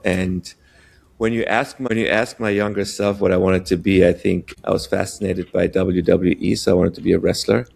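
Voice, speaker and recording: A man in his forties, born in Iran and raised in Germany, speaking as a relaxed podcast guest with many fillers. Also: low voice, normal speed, creaky. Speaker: guest, venture capitalist. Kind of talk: casual podcast interview.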